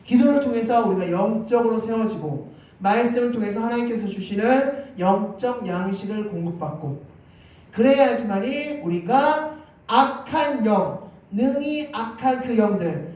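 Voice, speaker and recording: A man's voice: sits high, lively intonation, unhurried, a little mellow. A man preaching a Sunday sermon as pastor, emphatic, his voice rising when he voices scripture. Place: church sanctuary. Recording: very echoey church hall, mic at a distance.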